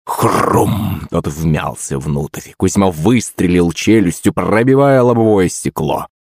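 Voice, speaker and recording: A man's voice: low-pitched, measured pace, a little mellow, no echo, studio quality. A man narrating a first-person audiobook.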